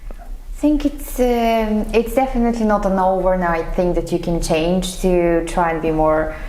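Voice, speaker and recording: A woman from Bulgaria, interviewed as a guest, answers in a thoughtful, hesitant, conversational way. Her lowish voice is mellow and unhurried with fairly even intonation, and the room sounds echoey and reverberant.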